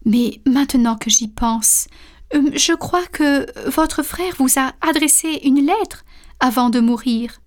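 A woman voicing a stern male judge in a storybook reading, speaking formally and deliberately. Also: sits high. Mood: solemn.

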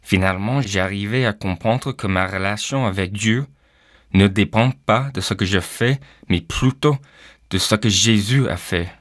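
Low-voiced hesitant man. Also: a little slow, dry recording, clean studio sound. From Canada. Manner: hesitant, frequent "euh" fillers. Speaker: pastor, guest. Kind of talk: personal testimony.

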